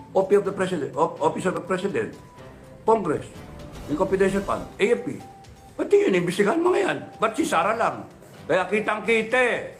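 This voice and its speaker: Fired-up guy ranting at officials, keeps saying sir, slightly high voice, faint music behind. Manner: fiery, repeated rhetorical questions, mixes Tagalog and English; mock-polite "sir" addressing officials. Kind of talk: impassioned political rant.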